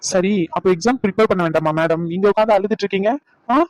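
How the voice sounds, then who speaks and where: A man's voice: sits high, darkish tone, no echo, natural voice, low-quality recording. A man voicing an injured young man in a cartoon who teases his tearful girlfriend with mock threats. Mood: playful. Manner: teasing, mock threats, rapid speech. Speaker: voice actor. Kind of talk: cartoon dub acting.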